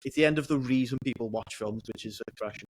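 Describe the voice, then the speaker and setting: A man hosting a podcast, talking in an earnest, deliberate way and correcting himself as he goes. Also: mid-range voice, no room sound, poor audio. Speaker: podcast host. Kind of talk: casual podcast chat.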